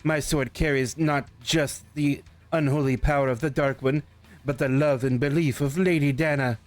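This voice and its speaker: A man's voice: a little high, fairly even intonation, normal speed, soft background music, lightly acted. A man voicing a noble, haughty female knight with formal, archaic, solemn speech in a fantasy romance role-play. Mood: scornful pride.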